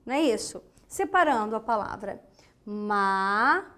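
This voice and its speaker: Woman, grammar teacher, high voice, unhurried, patient and repetitive. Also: animated. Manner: patient, repeats key words slowly, asks and answers own questions. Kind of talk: grammar lesson.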